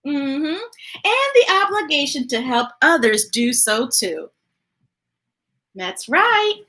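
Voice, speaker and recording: Speaking slowly, with big pitch swings in a high-sitting, pushed and bright voice, a woman reads picture books aloud as a children's storytime host, chatting informally and enthusiastically with viewers in a folksy style.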